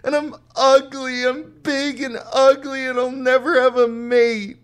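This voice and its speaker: A man's voice: little pitch movement, measured pace, clear, resonant tone. A man voicing a tall young woman who sobs and pleads about her looks in a storybook reading. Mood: distraught. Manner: high sobbing pleas.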